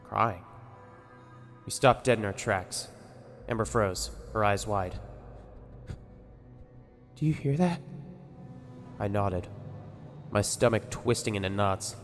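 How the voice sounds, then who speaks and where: A man's voice: lowish voice, fairly even intonation, unhurried, pauses often, a bit bright. A man narrating a scripted first-person horror story in a tense, conversational way. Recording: long reverb with music behind.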